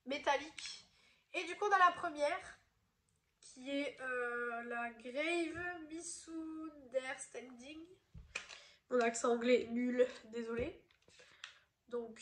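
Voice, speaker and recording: A woman's voice: high voice, a bit bright, slight background noise. A woman vlogger who is ill, chatting casually through a makeup review with many hesitant fillers. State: ill, voice not as usual. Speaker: beauty vlogger.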